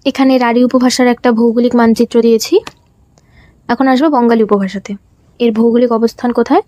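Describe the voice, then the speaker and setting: A young woman from West Bengal, India, talks through a classroom presentation in a high voice, posing short questions and then answering them. Her voice is close and dry, with no room sound. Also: fairly quick, dry recording. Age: young adult. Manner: explains in a steady question-and-answer pattern. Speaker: student teacher presenting. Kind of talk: presentation lesson.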